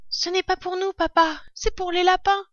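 A woman's voice: extremely high pitch, level tone, moderate pace, dry recording, pitched above the performer's own voice. A woman voicing a small, eager young fox cub in a storybook reading, with an eager, piping voice, on a dull lo-fi recording.

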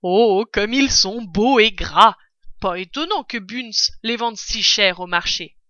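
A woman's voice: medium pitch, lively intonation, takes it slowly, pushed and bright, dry recording. A woman voicing a proud, cunning male fox father in a storybook reading, with an exuberant, bossy, theatrical manner, on a dull lo-fi recording. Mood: delighted.

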